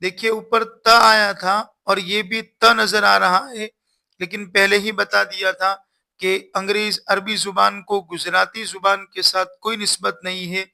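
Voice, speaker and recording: A man's voice: sits high, level tone, a little slow, gravelly, pushed and bright. A man teaching Quran reading in a recorded lesson, patiently repeating instructions and sounding out the letters one by one.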